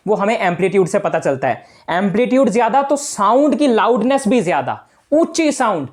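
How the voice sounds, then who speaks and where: A male teacher giving a casual physics lesson to students, talking informally and repeating the key points. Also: sits high.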